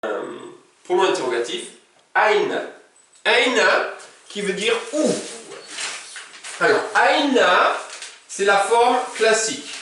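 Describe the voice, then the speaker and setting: A man gives a casual, chatty language lesson with a fairly high voice that swings up and down a lot. He sounds set back from the mic, in a room full of strong echo. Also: big pitch swings, measured pace, pauses often, sharp tone, recorded from a distance, slight background noise. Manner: casual and chatty, with conjugations recited in a row. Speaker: Arabic teacher. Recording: very echoey room, speaking from away from the mic.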